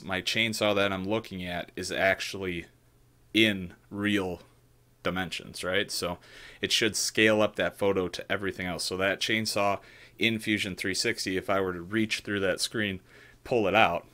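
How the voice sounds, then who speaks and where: A man's voice: low voice, fairly even intonation, normal speed, pushed and bright. A man in his thirties giving a casual screen-share tutorial, thinking aloud with loose restarts and frequent "right?" checks. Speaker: maker demonstrating 3D modeling. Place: small room at home, indoors.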